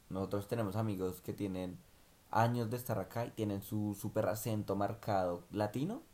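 A young man, co-hosting a vlog in relaxed, rambling casual chat full of fillers. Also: fairly low pitch. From Colombia. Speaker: vlog co-host.

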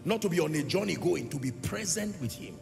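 In a spacious church hall, a pastor with a high, gravelly voice gives an animated, fairly quick sermon. His lines build into a sing-song rhythm, leap suddenly in volume, and throw questions to the congregation, with clear music underneath and long reverb lingering after each phrase.

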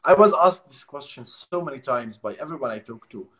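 A man's voice: mid-range voice, expressive, a little fast, fairly bright tone. A Palestinian man giving an impassioned interview, pressing his points with emphasis and repeating words as he goes. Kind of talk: remote interview.

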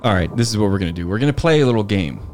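A man's voice: on the low side, expressive, racing, a little mellow, soft background music. A man hosting a podcast in casual chat, presenting trivia and games to his co-hosts. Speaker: podcast host.

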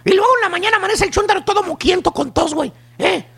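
A man's voice: very high voice, quick pace, creaky, pushed and bright. A man with a Mexican accent doing a mocking comic monologue on a morning radio show, throwing "güey" into nearly every line. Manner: mocking, teasing, peppers lines with "güey". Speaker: comedy segment performer on a morning radio show.

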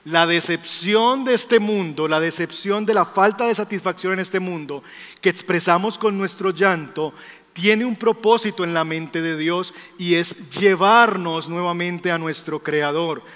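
Man preaching in a big echoey church hall, emphatic, goes soft when telling stories. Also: high-pitched, measured pace. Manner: emphatic, rhetorical questions, drops to soft storytelling. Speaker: pastor. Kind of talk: sermon. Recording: long hall reverb.

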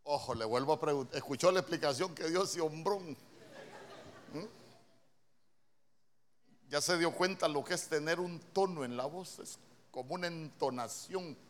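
A man's voice: fairly high pitch, normal speed, pauses often. A male preacher with a Honduran accent, giving a conversational sermon and often asking his congregation questions. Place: church.

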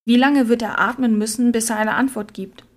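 A woman narrating a story in a quiet, subdued reading voice. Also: a little high, fairly even intonation, fairly quick. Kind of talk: scripted audiobook narration.

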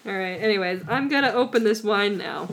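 A woman hosting a podcast from home in casual chat, blunt, bossy and quick to swear. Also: mid-range voice, a little hiss or hum. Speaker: podcast host.

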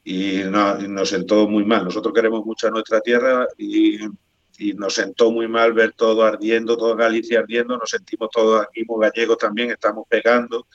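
A man's voice: lowish voice, moderate pace, muffled recording. A man from El Bierzo in Spain with a Spanish accent, a rock guitarist telling stories as a guest in a casual interview, often restarting his sentences. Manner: animated storytelling, frequent restarts.

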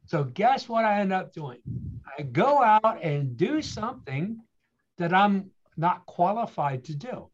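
A man's voice: high voice, sing-song, unhurried, highs cut off. A man telling his story with earnest motivational emphasis. He asks rhetorical questions and repeats key phrases. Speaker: guest speaker.

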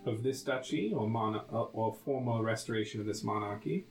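A man voicing a formal, measured female official in a tabletop fantasy game, with halting, stately phrasing. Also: fairly low pitch, close to an everyday voice. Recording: roomy echo, plucked guitar music behind.

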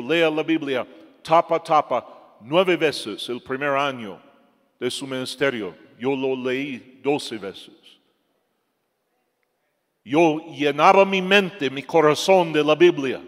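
A man preaching a sermon in a church with emphasis, swinging between loud and soft. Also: medium pitch. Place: church hall. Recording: long church reverb.

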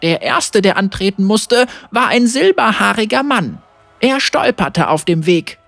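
A woman reading a fantasy story aloud in a measured, expressive narrating voice. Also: mid-range voice, creaky, dry recording, faint music behind.

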